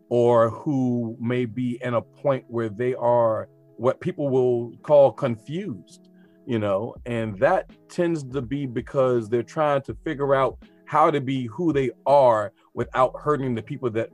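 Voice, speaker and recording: Animated man teacher, casual and talky. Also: mid-range voice, unhurried, faint music behind. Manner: animated, talky, reflective with colloquial asides. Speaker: teacher of high school students. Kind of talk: casual interview conversation.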